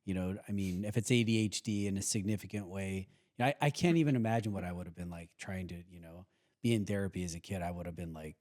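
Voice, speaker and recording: A man's voice: low-pitched, fast, a little mellow. Laid-back host guy chatting, lots of you knows. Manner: easygoing, hedging with "you know". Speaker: podcast host. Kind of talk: casual conversational interview.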